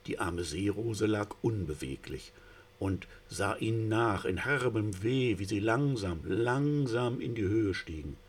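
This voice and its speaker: Slow, deep-voiced male storyteller. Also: animated, husky. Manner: theatrical, shifting between hushed and rising tension. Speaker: narrator. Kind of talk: dramatic storytelling reading.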